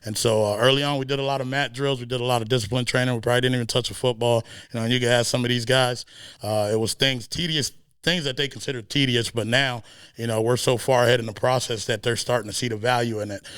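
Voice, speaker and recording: A man from South Sudan, a high school football head coach, giving a media day interview in a measured, earnest way with many filler pauses. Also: fairly even intonation, a bit bright, clear, resonant tone, no room sound, studio quality.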